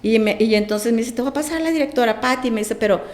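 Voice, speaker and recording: A woman's voice: on the high side, quick pace, roomy sound. Woman telling an emotional story. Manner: animated, acts out quoted dialogue. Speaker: podcast guest.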